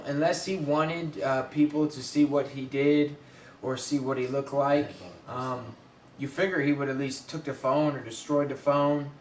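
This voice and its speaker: A man hosting a casual livestream chat. He rambles with many fillers and restarts, and his voice comes through with heavy echo from a camera mic set away from him. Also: medium pitch. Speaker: livestream host. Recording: echoey, distant camera mic, faint background noise.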